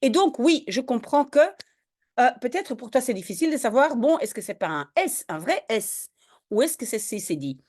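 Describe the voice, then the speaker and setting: A woman's voice: fairly high pitch, big pitch swings, moderate pace, a little mellow. A woman tutoring a student in French spelling, patiently explaining each word step by step. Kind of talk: one-on-one spelling lesson.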